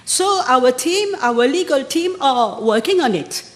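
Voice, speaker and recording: A woman's voice: high voice, expressive, unhurried. A woman with a Mauritian accent giving a formal parliament speech as a minister answering questions. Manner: formal, addresses the Speaker. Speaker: government minister.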